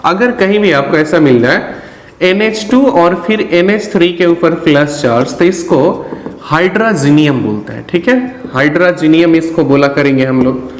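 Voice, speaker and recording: A man giving a patient, explanatory chemistry lecture for an online class, often pausing to check that students are following. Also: on the high side, lively intonation, slight background noise. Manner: patient, explanatory, ends phrases with a checking "ठीक है". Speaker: chemistry teacher. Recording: roomy with a long reverb tail.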